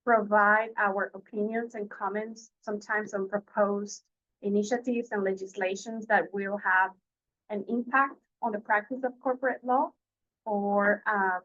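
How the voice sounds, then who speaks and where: A woman with a mid-range voice opens a panel in a law school room. She speaks politely and carefully, pausing on fillers. The recording is dull and lo-fi. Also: medium pitch, a bit bright. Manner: polite and measured, with many fillers. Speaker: corporate law partner on a panel. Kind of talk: formal panel welcome.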